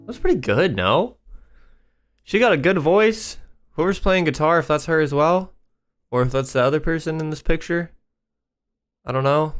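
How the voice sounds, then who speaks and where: A man's voice: on the high side, lively intonation, normal speed, long pauses, soft background music. A man hosting a reaction channel, talking casually and enthusiastically about songs as he thinks aloud.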